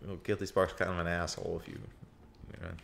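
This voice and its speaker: A young man co-hosting a casual let's-play, explaining the game's lore and calling out in excitement during fights. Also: deep voice, fast, creaky. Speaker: co-host of a gaming channel.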